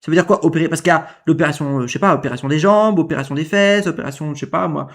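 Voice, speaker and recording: Speaking high and racing, a man reacts to a clip in casual commentary. He sounds indignant, repeating himself and firing off rhetorical questions.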